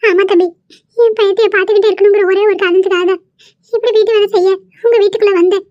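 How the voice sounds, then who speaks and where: A woman does cartoon voice acting as a tearful, worried elderly grandmother who pleads. Her voice is very high and fast, steady in tone and somewhat dark. The lo-fi recording sounds muffled and has no room sound.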